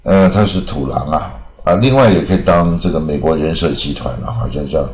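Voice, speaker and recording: A man from Taiwan teaching English pronunciation in a casual recorded lesson, repeating words slowly and tagging phrases with drawn-out fillers. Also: extremely low pitch, reverberant. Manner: drawn-out repetitions with frequent "啊" fillers.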